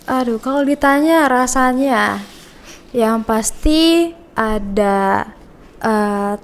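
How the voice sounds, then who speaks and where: Brief: young female student guest from Indonesia, higher voice, measured and polite. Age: young adult. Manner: polite, measured answers with short agreements. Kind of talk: casual podcast interview.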